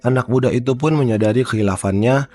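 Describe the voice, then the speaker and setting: A man narrates a scripted horror story like a horror host, in a measured and formal manner. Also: mid-range voice, mellow. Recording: faint music under the voice. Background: faint background music.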